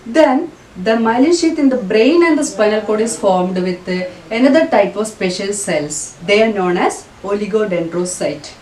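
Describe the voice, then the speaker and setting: This woman's mid-range voice is animated and darkish, moving at a moderate pace with few pauses. She is from Kerala, India, speaks with a Malayalam accent, and teaches school biology didactically, rephrasing as she goes. A distant mic picks her up in a roomy space with faint noise.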